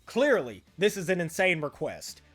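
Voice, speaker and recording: A man's voice: high-pitched, very animated, normal speed. A man delivering scripted comedic narration in a wry, folksy, joking manner. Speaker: narrator of a comedic military history video. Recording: faint music behind the voice.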